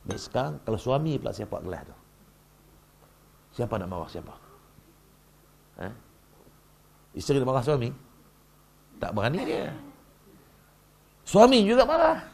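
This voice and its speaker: A male religious lecturer with a gravelly, slightly husky voice, his pitch swinging widely as he speaks. He keeps tossing rhetorical questions to the crowd in a lively, joking teaching manner. He is speaking in a mosque hall. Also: normal speed, pauses often. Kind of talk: humorous religious workshop talk.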